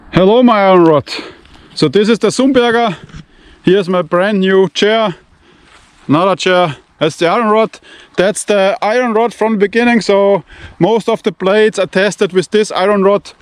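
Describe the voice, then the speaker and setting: In a high, clear, resonant voice, a knife-testing channel host with an Austrian German accent walks among vineyards and fields outdoors, vlogging casually. A non-native speaker, he talks bluntly and profanely in broken English, and the recording is dry.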